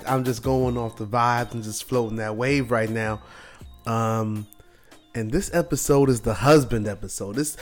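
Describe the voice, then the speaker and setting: Male American podcast host, mid-pitched, casual bro talk with hip-hop slang, music underneath. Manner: laid-back, slangy, bro-like delivery peppered with "yo" and "you know what I'm saying".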